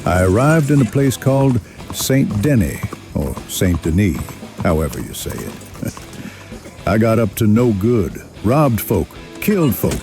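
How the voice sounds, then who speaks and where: A man plays a rueful western outlaw telling his life story in a gravelly, low drawl. His delivery is wry and slow, with big swings in pitch over faint music. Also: a little mellow, exaggerated voice. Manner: folksy drawl, wry and unhurried. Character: young male outlaw drifter recounting his rough life, rueful. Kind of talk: scripted first-person western narration.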